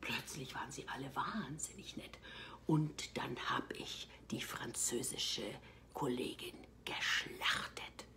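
A woman, an actress, telling behind-the-scenes anecdotes in an animated way, jumping from loud bursts to hushed, almost whispered asides. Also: extremely low pitch, slow. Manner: expressive, swings from loud outbursts to hushed near-whispers.

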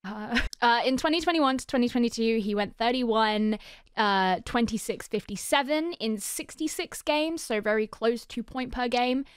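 A woman's voice: on the high side, moderate pace, smooth, no room sound, studio quality. A young woman talking casually through hockey draft picks, reading out stats and riffing on them with lots of ums and restarts. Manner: chatty, many fillers and restarts, reads stats then riffs. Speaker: hockey video creator. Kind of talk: casual sports analysis.

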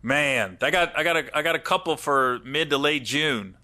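A man's voice: fairly high pitch, moderate pace, sharp tone. A male comedian hosting a podcast, chatting casually, laughing easily and agreeing often.

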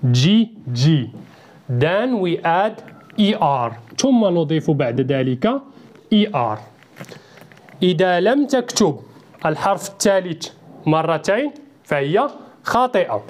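An English teacher giving a bilingual grammar lesson, talking slowly and deliberately and repeating each word for the learner to drill. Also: mid-range voice, very animated, a little mellow.

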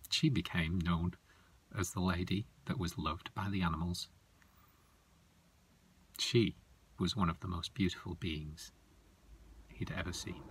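A man narrating a children's story softly and slowly, often dropping into a whisper. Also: sits low, slightly rough. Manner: slow, soft, often whispery.

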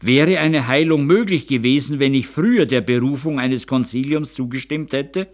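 A man's voice: medium pitch, moderate pace, pitched above the performer's own voice, close to an everyday voice. A man voicing a proud, impatient aging count who has just gone blind, speaking brusquely and commandingly. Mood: grave. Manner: brusque, commanding, rising to anguish.

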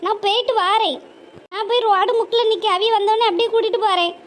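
A woman's voice: very high-pitched, fairly even intonation, fast. A woman as a scolding, scheming daughter. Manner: scolding, sharp and nagging. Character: scheming impatient grown daughter. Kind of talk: cartoon voice acting.

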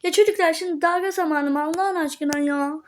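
A woman's voice: extremely high pitch, a little fast, a little hiss or hum. A woman voicing a fussy, exasperated woman schoolteacher who scolds the class.

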